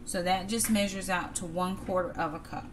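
A woman's voice: on the low side, fairly even intonation, normal speed, a little hiss or hum. Chatty woman cooking at home. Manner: chatty, talks to viewers as "y'all". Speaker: cooking vlogger. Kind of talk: casual cook-with-me narration. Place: home kitchen, indoors. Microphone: camera on the counter. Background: clatter of dishes, pans and cutlery.

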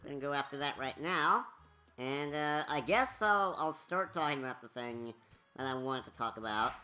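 A woman's voice: a bass voice, animated, moderate pace, sharp tone, faint music behind. A woman giving casual, rambling commentary over a game walkthrough, chatty with many fillers.

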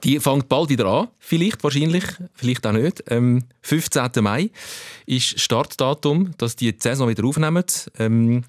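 A man with a Swiss German accent hosting a casual football podcast, telling stories in a lively way. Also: mid-range voice, moderate pace, no echo. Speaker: podcast host.

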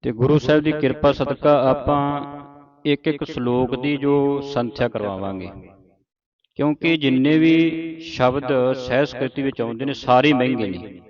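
A man teaching children scripture pronunciation, patiently repeating each word slowly and loudly. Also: medium pitch, highs cut off, a crowd in the background.

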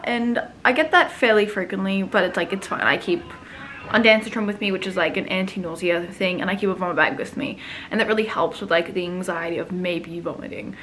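A woman's voice: medium pitch, sharp tone, slight background noise. A woman in her twenties talking candidly to a close-held phone camera in a small room, rambling with fillers. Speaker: travel vlogger. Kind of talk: casual vlog chat. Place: small indoor room at accommodation.

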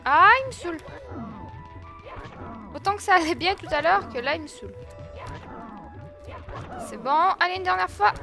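High-voiced excitable young woman gamer. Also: moderate pace, gravelly, pauses often. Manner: shrieks and scolds the game character. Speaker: let's play gamer. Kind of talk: excitable gaming commentary. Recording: game music playing behind her voice.

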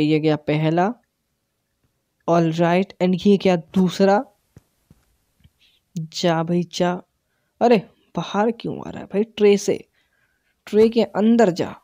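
A man's voice: high-pitched, no echo, clean studio sound. Jumpy man narrating a horror game. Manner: tense, excitable play-by-play mixing in English words. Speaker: gaming channel host. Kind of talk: live gameplay commentary.

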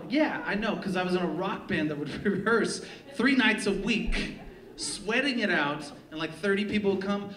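A man from California, a poet, telling a comic story live on stage with wry, deadpan, profane humor. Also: fairly high pitch. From Long Beach, California. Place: theater stage before a live audience. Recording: echoey theater, distant mic, crowd laughter.

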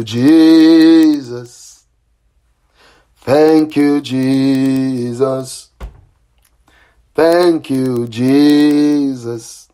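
Over a phone or call line, a man leads a prayer line as a pastor, praying fervently in a repetitive, chanting, commanding way, with stretches of speaking in tongues. His mid-range voice is dark, clear and resonant.

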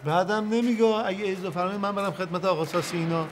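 An actor playing a flustered man in a cell, fawning and overly polite at first, then shouting for help in panic. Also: high-pitched, steady tone, slight background noise, natural voice.

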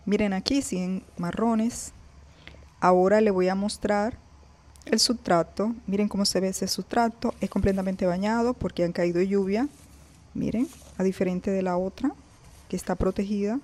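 A woman with a medium-pitched, steady, slightly mellow voice speaks at a normal pace. She hosts a casual gardening vlog, chatting directly to viewers and pointing things out while filming her plants outdoors on a balcony.

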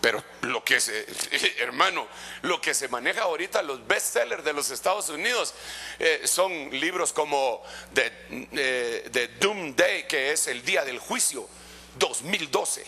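A middle-aged male pastor with a Guatemalan accent, preaching in an impassioned, conversational way that swings from loud exhortation to hushed asides. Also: fairly high pitch, lively intonation, unhurried, slight background noise. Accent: Guatemalan Spanish. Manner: conversational, addressing listeners as brother. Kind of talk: preaching sermon.

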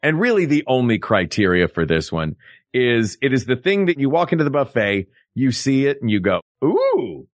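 A male podcast co-host in playful, joking conversation. His voice leaps up and down with lively expression. The sound is dry and close, with no room around it. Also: moderate pace, no echo. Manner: animated, playful, builds up jokes with big pitch swings. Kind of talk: comedic casual chat.

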